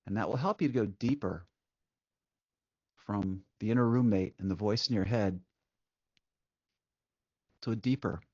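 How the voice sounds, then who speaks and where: Speaking softly and calmly, a man with a lowish voice leads a guided meditation, giving brief instructions separated by long silences. The audio is dry and dull.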